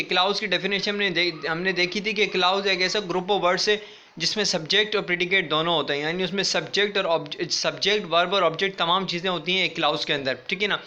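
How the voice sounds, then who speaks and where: A man's voice: high voice, bright, forceful tone. A male school English teacher giving a recorded class lecture. He speaks patiently, repeats himself, spells words out letter by letter and keeps checking in with his students. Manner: patient, repetitive, checks in with "theek hai" often.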